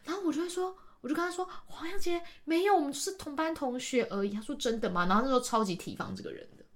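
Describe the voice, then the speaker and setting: A young woman, a podcast guest telling a personal story in an animated way, laughing often and trailing off into restarts. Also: high voice, quick pace. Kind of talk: casual storytelling.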